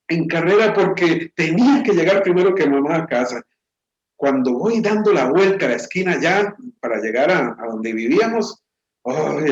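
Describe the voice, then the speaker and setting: A middle-aged Costa Rican pastor with a fairly high voice delivers an animated sermon, switching into voices to act out his story. The sound is roomy and echoing, with a dull, muffled tone. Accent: Costa Rican Spanish. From Costa Rica. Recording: echoey, dull church recording.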